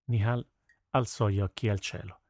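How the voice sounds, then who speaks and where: A man narrating a story with steady, measured delivery. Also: lowish voice, no echo, studio quality. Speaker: audiobook narrator. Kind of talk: scripted narration.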